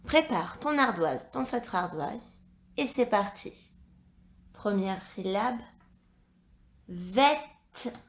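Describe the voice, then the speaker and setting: A woman teacher reading a dictation for young pupils, pronouncing each syllable and word slowly and carefully. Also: medium pitch, lively intonation, slight background noise. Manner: slow, carefully articulated dictation. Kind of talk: classroom dictation lesson. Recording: echoey room.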